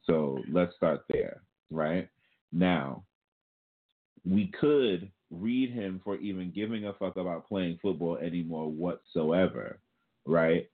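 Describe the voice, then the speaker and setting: A man with a very low voice talks through his argument in a measured way and keeps putting rhetorical questions to the listener. The audio is thin and narrow, as if it came through a phone line. It sounds like casual talk-show commentary. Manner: deliberate, asks rhetorical questions. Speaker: podcast co-host. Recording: tinny phone-like call audio.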